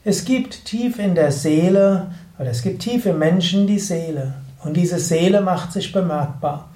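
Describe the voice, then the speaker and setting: A man hosting a podcast as a yoga teacher, giving a spiritual teaching talk in a slow, measured way with drawn-out pauses. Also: a little high, warm tone. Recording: roomy echo, mic at a distance.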